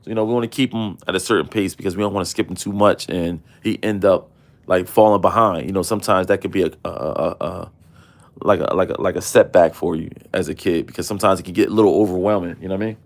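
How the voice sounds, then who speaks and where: A man with a fairly low voice talks in an unhurried, drawling way, full of fillers. He hosts a casual livestream and speaks. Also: steady tone. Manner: laid-back, drawling, many fillers. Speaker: host.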